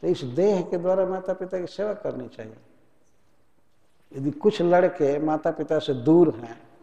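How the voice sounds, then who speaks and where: High-pitched preacher guy telling stories, bit of scolding, long reverb in a big hall. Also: creaky. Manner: lively storytelling, chiding. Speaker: spiritual teacher. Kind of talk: devotional sermon. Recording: echoey hall.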